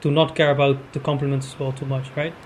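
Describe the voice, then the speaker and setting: A man hosting a casual podcast interview, eager and quick to agree with his guest. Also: mid-range voice, flat delivery, slight background noise. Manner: eager, frequent backchannel agreement. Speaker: podcast host.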